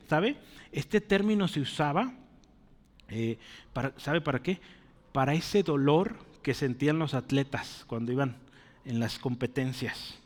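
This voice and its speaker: A man preaching a sermon to his congregation, earnest and often asking them questions. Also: on the high side. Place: church. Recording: long reverb of a church hall.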